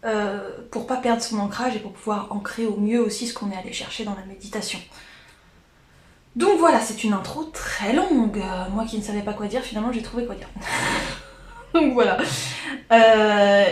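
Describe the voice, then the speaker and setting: A woman giving a casual spoken tarot reading, hesitant, with many fillers and restarts. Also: a little high. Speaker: tarot card reader. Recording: echoey room.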